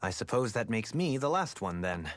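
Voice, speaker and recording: A man's voice: mid-range voice, very animated, normal speed, no room sound, close to an everyday voice. A man voicing a composed, analytical video game adviser with formal, old-fashioned phrasing. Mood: composed, pensive.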